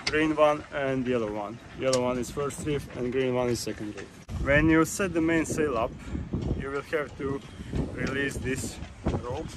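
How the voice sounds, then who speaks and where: On a windy sailboat deck in a marina, a Croatian yacht charter guide, a native Croatian speaker, gives a hands-on boat tutorial. He handles gear while offering plain, step-by-step instructions with restarts, his medium-pitched voice a little slow. Loud wind noise hits the outdoor mic.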